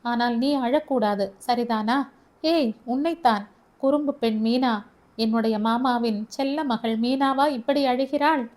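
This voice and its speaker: Caring young man, gentle and coaxing, read by a woman narrator in an audio story, voice on the high side. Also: a little slow, natural voice. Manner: soft, coaxing.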